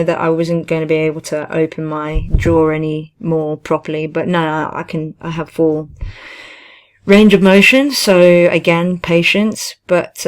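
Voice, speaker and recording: A woman chatting casually and giving personal advice, in a hesitant, halting way with frequent self-corrections. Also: low voice. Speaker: vlogger, teaching assistant.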